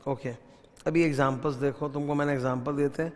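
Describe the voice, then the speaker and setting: A man's voice: mid-range voice, fairly even intonation, brisk, darkish tone, in a large hall. A man teaching an audit revision lecture, mixing Hindi and English and quizzing students as he goes, with an Indian English accent.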